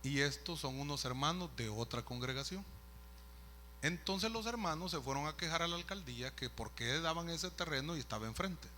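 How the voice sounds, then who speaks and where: A man's voice: on the high side, moderate pace, pushed and bright, a little hiss or hum. A man, a pastor telling a story in a sermon, conversational with asides to the listeners. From El Salvador. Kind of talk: sermon testimony.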